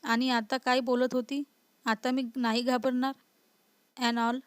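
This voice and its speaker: A woman's voice: sits high, flat delivery, slow pace, clean tone, dry recording. A woman voicing a playful young husband who teases his wife in a storybook reading. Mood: teasing. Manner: teasing, lightly mocking.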